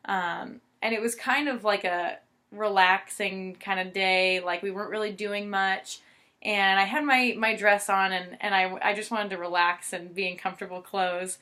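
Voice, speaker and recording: A woman's voice: medium pitch, fairly even intonation, normal speed, sharp tone. A young woman casually telling a story, chatty, with fillers and quoted dialogue.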